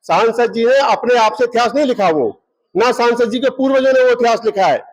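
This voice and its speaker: A man's voice: very high-pitched, animated, fairly quick, low-quality recording. A local party leader, a man, giving a press statement to reporters and arguing his case by citing book page numbers. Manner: argumentative, cites book pages as proof.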